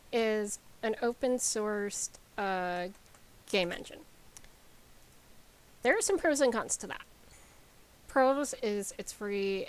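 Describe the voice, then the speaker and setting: A woman game developer talking casually on a live stream, rambling with lots of ums and likes as she explains software. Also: mid-range voice, poor audio.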